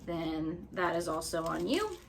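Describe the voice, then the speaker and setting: A woman's voice: fairly low pitch, big pitch swings, a little slow, gravelly, a little hiss or hum. A woman in her late twenties, chatting casually and playfully, rambling while she makes crafts. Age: late 20s. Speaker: craft vlogger.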